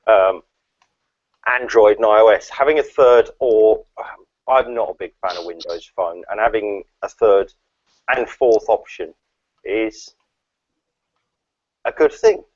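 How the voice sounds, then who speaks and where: A man's voice: lowish voice, slow pace, pauses often, no echo, muffled recording. A man co-hosting a casual tech podcast over a video call. He reads out phone specs in a list, with plenty of fillers. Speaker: podcast co-host. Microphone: online video call.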